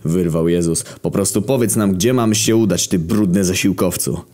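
A man's voice: low-pitched, normal speed, warm tone. A man voicing a rude, impatient character who talks curtly and crudely. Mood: irritated.

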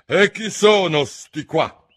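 A man's voice: high voice, lively intonation, takes it slowly, a bit bright, slightly rough, pitched above the performer's own voice, heavily acted. A man voicing an imperious, hot-tempered queen of cards who bellows her orders.

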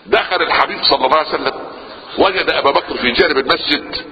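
A man preaching a lively sermon in an Egyptian accent, firing questions at his listeners, answering them himself and stumbling into restarts. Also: fairly high pitch, rapid-fire, in a large hall, muffled recording, noisy background. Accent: Egyptian Arabic. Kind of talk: Islamic sermon lesson.

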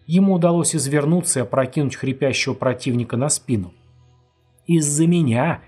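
A man reading an audiobook with steady, dramatic narration. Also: mid-range voice, quick pace, slightly rough. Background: faint music.

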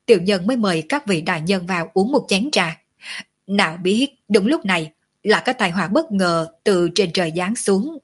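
A woman narrating a martial arts novel audiobook in a steady storytelling manner. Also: medium pitch, husky.

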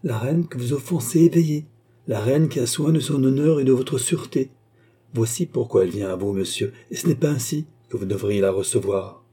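A man's voice: on the low side, animated, a little fast, hardly any pauses, mellow, husky. A man voicing a proud, indignant queen who scolds in a raised, reproachful voice.

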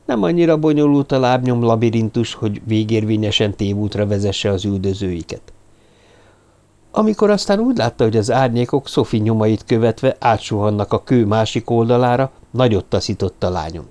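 A man's voice: on the low side, darkish tone. Man narrating a suspense audiobook. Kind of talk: scripted narration.

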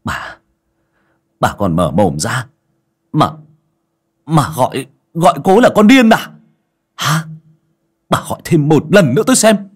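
A man voicing a grieving young father who speaks harshly and shouts in anger. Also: low-pitched, big pitch swings, normal speed, long pauses, husky, exaggerated voice. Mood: furious.

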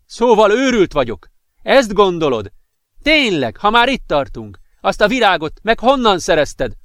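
A frantic young man with a raised, strained voice, pressing his point without pause, as a male audiobook reader puts him on. The sound is dry and close, with no room around it. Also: on the high side, no room sound, close to an everyday voice. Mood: furious. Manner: excited, insistent, increasingly furious. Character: agitated straw-haired young man, volatile.

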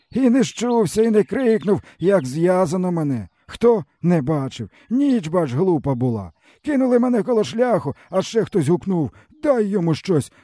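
A man's voice: high voice, warm tone, no room sound, voice pushed up. A man reading the voice of a starving, weary peasant uncle who grumbles on in a mournful, folksy ramble. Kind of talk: audiobook character reading.

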